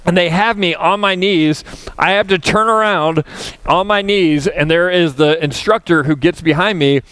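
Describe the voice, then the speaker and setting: Smooth-voiced man telling a funny story. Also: high voice, moderate pace, a bit bright, dry recording. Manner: humorous, self-deprecating storyteller. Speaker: guest pastor. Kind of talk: conference sermon with storytelling. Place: church stage before a live audience.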